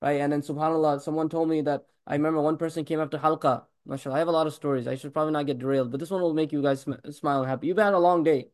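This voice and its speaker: A male religious teacher gives a talk at a breakneck pace. His voice sits high, and he presses his points with rhetorical questions and repeated blessings. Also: steady tone, darkish tone. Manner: rapid, emphatic preaching with blessings on the Prophet woven in.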